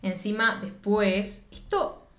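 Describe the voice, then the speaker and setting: A young woman with a Rioplatense accent, co-hosting a podcast and chatting casually about a film in an animated, slangy way. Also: medium pitch, slow, reverberant. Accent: Rioplatense Spanish. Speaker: podcast co-host. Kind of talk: casual chat reviewing a film.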